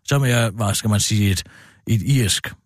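A man's voice: no room sound, clean studio sound, lightly acted. A man playing a pompous, bossy middle-aged woman who lectures about horses in improvised podcast comedy. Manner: bossy, lecturing, swooping pitch. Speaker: co-host.

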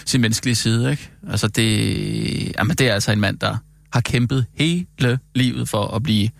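A man's voice: fairly low pitch, vocal fry. A man co-hosting a satirical radio comedy show, speaking hesitantly, stammering and repeating his words.

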